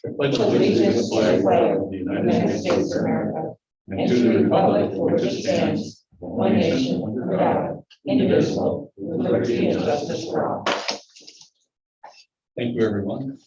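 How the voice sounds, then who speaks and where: A man's voice: mid-range voice, lively intonation, moderate pace, background noise. Muffled masked guy chairing a board meeting, sounds dull and far off in an echoey room. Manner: procedural with dry asides. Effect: muffled through a face mask.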